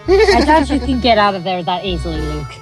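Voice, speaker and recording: Female co-commentator for a casual playthrough, animated intonation, some music behind. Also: medium pitch, fairly quick.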